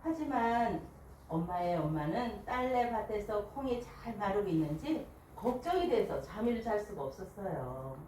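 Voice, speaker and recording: A woman reads a picture book aloud to a small group in an animated, expressive way, and she pauses to put questions to her listeners. Her pitch rises and falls freely as she tells the story. The mic is set some way off in a very echoey room, and a faint hiss sits under her voice. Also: recorded from a distance. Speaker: picture book reader at a book club.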